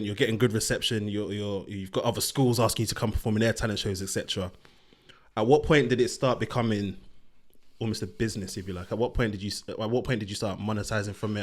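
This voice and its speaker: A male podcast host asking long, rambling interview questions, restarting often and hedging with "if you like". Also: on the low side. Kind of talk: casual interview chat.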